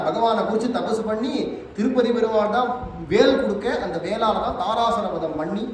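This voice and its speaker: A man giving a devotional religious discourse, telling stories and chanting verses in a drawn-out sing-song. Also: high voice. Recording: echoey hall, distant mic, faint noise.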